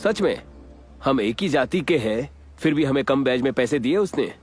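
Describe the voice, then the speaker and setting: A man's voice: mid-range voice, expressive, moderate pace, darkish tone, faint music behind, natural voice. Dub role: a man as a scornful villager, plain mid voice. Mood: bitter. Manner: bitter, scornful. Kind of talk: Hindi film dub.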